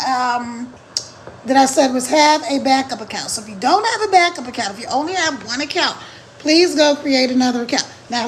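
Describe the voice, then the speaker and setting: This slightly hoarse, middle-aged marketing coach talks casually during a live stream, emphatic and restating her key ideas. Her pitch is high, and the low-quality recording has some hiss or hum.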